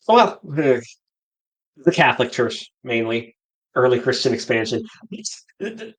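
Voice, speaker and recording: A man's voice: medium pitch, a bit bright, rough recording. Man explaining fantasy lore. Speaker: podcast co-host. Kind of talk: casual chat.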